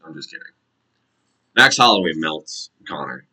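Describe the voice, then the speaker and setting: A man's voice: extremely low pitch, very animated, moderate pace, sharp tone, husky, low-quality recording. An American man giving a casual fight recap and prediction vlog, blunt and slangy, swearing often. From United States. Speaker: MMA commentator and predictor.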